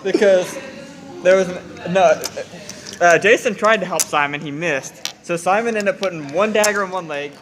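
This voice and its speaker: A man's voice: high voice, normal speed, fairly bright tone. A man casually chatting as a player in a tabletop game, rambling, laughing and tripping over his words. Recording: noisy group in the room.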